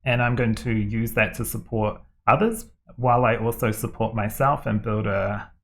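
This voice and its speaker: A man's voice: on the low side, moderate pace, creaky. Rambling New man reading tarot. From New Zealand. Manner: rambling, hesitant, many fillers and restarts. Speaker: tarot card reader.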